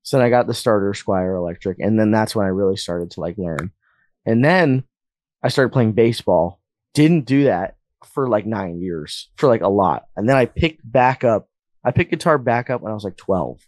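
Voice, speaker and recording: A man's voice: on the low side, lively intonation, moderate pace, darkish tone, dry recording. A young man from Las Vegas, telling stories as a guest musician in a casual interview, with a rambling, filler-heavy way of talking. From Las Vegas, USA. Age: young adult.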